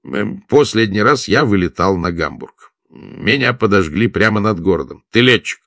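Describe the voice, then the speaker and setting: A man's voice: fairly low pitch, lively intonation, normal speed, vocal fry, fairly bright tone, dry recording, clean studio sound, voice pushed up. A man voicing a tipsy, cheerful foreign pilot who teases and laughs. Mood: teasing.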